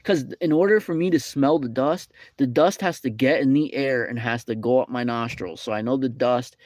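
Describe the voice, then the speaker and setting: A man's voice: mid-range voice, normal speed, a little mellow. A young man casually telling a rambling, indignant story with many fillers. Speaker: vlogger. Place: fast-food restaurant.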